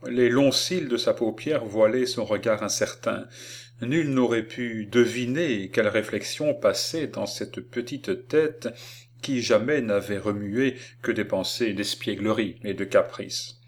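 A man reading an audiobook of a classic novel with measured, expressive narration. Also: on the low side. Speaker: audiobook reader.

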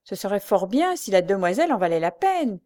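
A woman's voice: mid-range voice, big pitch swings, dark tone, natural voice. A woman reading aloud and voicing a sly male police agent who teases and drags things out. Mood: teasing. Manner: teasing, unhurried, mocking.

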